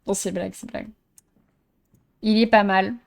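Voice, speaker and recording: A woman's voice: medium pitch, little pitch movement, normal speed, vocal fry. A woman commenting as she plays a horror video game, joking and teasing herself, sometimes tripping over words she reads aloud. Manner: joking, self-mocking, stumbles over read-out text. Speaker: gameplay streamer. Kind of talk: let's play commentary.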